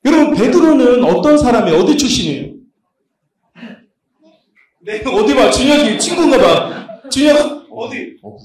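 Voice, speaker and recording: A man preaching a lively sermon as a pastor, joking and quizzing his congregation while moving around the room. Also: very high-pitched, normal speed, pauses often. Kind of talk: lively sermon at a youth retreat. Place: large church hall. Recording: very echoey hall, voice from a distance.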